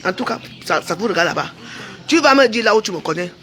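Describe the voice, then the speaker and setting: A woman's voice: medium pitch, expressive, fast talker, a bit bright. A woman delivering a confrontational livestream rant, scolding people directly. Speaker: online commentator.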